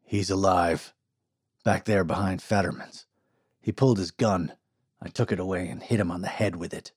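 A man voicing a calm, hard-bitten frontier shopkeeper who speaks in short, clipped sentences. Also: moderate pace, breathy edge. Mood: flat. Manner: curt, low, clipped.

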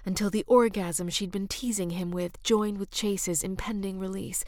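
A woman narrating an audiobook romance in a soft, intimate voice that drops to hushed whispers. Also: mid-range voice, steady tone, normal speed, dry recording, clean studio sound. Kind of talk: scripted narration.

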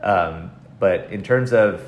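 Deep-voiced man in a roomy recording. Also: takes it slowly. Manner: informal, plain-spoken. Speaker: podcast guest, behavioral assessment expert. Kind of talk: casual conversational explanation. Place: home dining room. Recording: roomy echo, faint room noise.

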